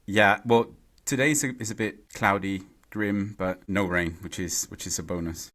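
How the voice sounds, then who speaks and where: A man from Mexico, a guest in a podcast interview, talking in a halting way and repeating words as he thinks. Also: fairly low pitch, steady tone, a bit bright. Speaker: podcast guest, renewable energy CEO. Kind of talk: casual interview conversation. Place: home or office in London.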